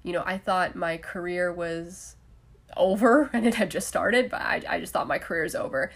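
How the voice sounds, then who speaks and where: A woman's voice: fairly low pitch, moderate pace. A young adult woman hosting a solo podcast in a casual, chatty way, with frequent laughs and fillers. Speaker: podcast host.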